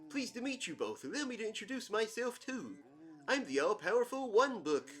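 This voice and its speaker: A man's voice: sits high, sing-song, normal speed, a bit bright, pitched above the performer's own voice. A man voicing a pompous, boastful magical talking book in a goofy cartoonish voice.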